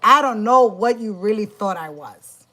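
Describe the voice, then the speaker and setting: A woman's voice: medium pitch, expressive, measured pace, sharp tone. A woman vlogging about her work as a witch, telling a story in an emphatic, profane way with many restarts. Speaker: spiritual practitioner and YouTuber. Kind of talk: casual vlog storytime.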